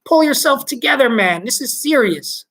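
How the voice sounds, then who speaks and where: A short-tempered mission controller barks orders and scolds in a high, loud voice, as a man reads it. He is bossy and impatient. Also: lively intonation, normal speed, heavily acted. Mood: angry. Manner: snapping, shouting orders.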